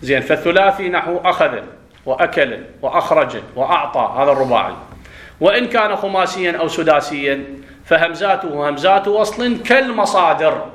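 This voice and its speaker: A man teaching a grammar lesson in a classroom. He drills pronunciation by contrasting right and wrong forms and checks understanding with quick questions. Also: on the high side, lively intonation, fairly bright tone. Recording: roomy echo.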